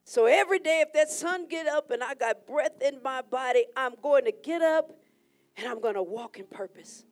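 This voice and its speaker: A woman's voice: sits high, animated, normal speed. A woman preacher delivering an impassioned sermon prayer, fervently repeating phrases in a rising cadence.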